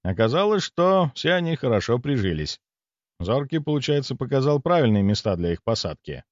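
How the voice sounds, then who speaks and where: Guy reading a fantasy audiobook, really lively pitch, dull dry recording. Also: fairly quick, no room sound. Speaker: audiobook narrator. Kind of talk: first-person audiobook narration.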